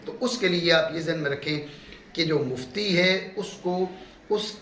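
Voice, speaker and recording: A middle-aged Pakistani mufti with a somewhat bright voice on the high side gives a classroom lecture as a religious teacher. Emphasis runs through it: he repeats key terms and checks in with his students. The room sounds echoey, and a faint hum sits in the background.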